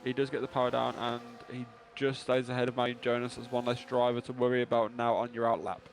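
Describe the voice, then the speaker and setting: A man co-commentating a live online race, steady and matter-of-fact. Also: mid-range voice, quick pace, slight background noise. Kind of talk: live sim racing commentary.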